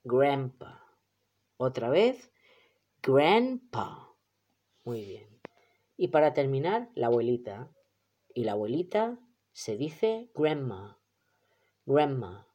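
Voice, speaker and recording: Teacher from doing a kids vocab lesson, slow and patient, voice goes way up and down. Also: mid-range voice, very animated, mellow, highs cut off. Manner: patient, repeats each word slowly for the child; encouraging, praises often. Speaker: English teacher for children.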